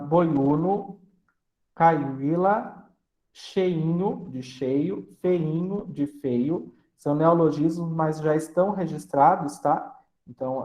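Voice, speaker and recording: A man teaching a grammar lesson, explaining slowly and splitting words into syllables, often checking in with the class. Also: fairly high pitch, darkish tone, roomy sound. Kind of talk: grammar lecture.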